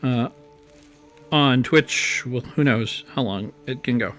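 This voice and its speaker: Speaking slowly in a mid-range, fairly bright voice that sounds weak and strained, a streamer and game host gives casual commentary as he plays. He rambles chattily with plenty of fillers and restarts, using a boom-arm desk mic as faint music plays behind.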